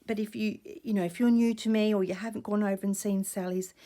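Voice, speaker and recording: A woman chatting casually in a soft, mellow voice that is a little croaky. She rambles gently through a show-and-tell and often sinks to a near-whisper. She is recorded on a desk camera in a small home room. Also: medium pitch, fairly even intonation, fast talker. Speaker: vlogger showing vintage finds. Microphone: camera or tablet on a desk.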